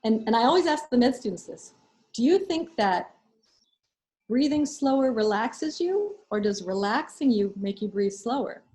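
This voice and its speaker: A woman's voice: fairly high pitch, lively intonation, normal speed, dark tone. A woman advising students in a casual webinar, giving frank practical advice with fillers and restarts. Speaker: medical school admissions advisor. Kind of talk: casual webinar talk answering questions.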